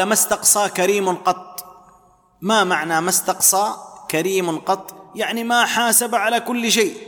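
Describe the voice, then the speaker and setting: High-voiced preacher in a reverberant hall. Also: male voice, fairly bright tone. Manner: explanatory, repeats key phrases. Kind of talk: religious lesson.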